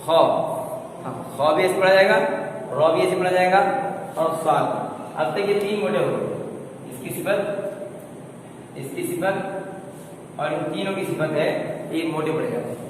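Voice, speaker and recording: A man's voice: high-pitched, normal speed, long pauses. A man teaching a class, chanting letter sounds and drawing out each syllable as he explains. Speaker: Arabic teacher. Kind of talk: classroom lecture. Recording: echoey hall, mic far off, faint noise.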